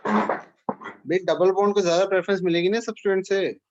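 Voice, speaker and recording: A man's voice: high-pitched, steady tone, brisk, a little mellow, muffled recording. A man teaching an organic chemistry class, explaining step by step and checking in with questions to his students. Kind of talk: classroom lecture.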